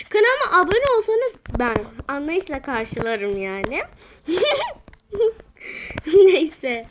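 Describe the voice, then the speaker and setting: A woman giving let's-play commentary as a gaming channel host, excitable and groaning and exclaiming whenever she fails. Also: high voice, muffled recording, noisy background.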